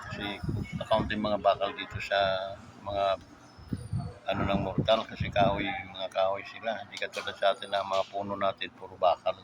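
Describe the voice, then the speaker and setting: A man hosting a casual vlog, joking and rambling, tagging his phrases with 'no?', a bit hoarse after a recent illness. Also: deep voice, monotone, normal speed. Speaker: motovlogger host. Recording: vlog with loud background noise.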